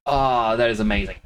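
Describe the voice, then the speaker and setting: A man with a mid-range voice plays a video game on a live stream, chatting casually with his viewers over slight background noise. He laughs a lot and sounds a bit sniffly from a cold.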